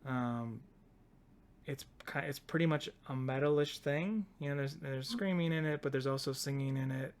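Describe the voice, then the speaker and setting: A man's voice: mid-range voice, moderate pace, clean tone. A man co-hosting a podcast in casual chat, rambling and laughing as he talks things through. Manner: rambling, self-interrupting, laughs often. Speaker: podcast co-host.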